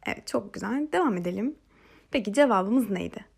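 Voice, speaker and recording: Gravelly, breathy woman teaching French. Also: mid-range voice, lively intonation, darkish tone. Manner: patient, repeats phrases slowly for learners. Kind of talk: language lesson narration.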